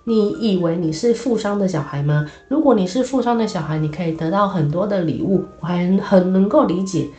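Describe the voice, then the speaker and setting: A woman's voice: lowish voice, a little fast, hardly any pauses, darkish tone, roomy sound, soft background music, natural voice. A woman voicing a mean, sour aunt who scolds and sneers at a boy, in a storybook reading. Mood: sneering. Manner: scolding, contemptuous.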